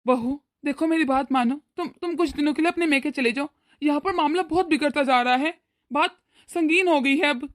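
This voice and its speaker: Woman doing a weary old cartoon father-in-law, high-pitched, soothing and pleading. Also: brisk, natural voice. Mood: worried. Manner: pleading, placating. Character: weary older father-in-law, calm peacemaker. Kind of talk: cartoon voice acting.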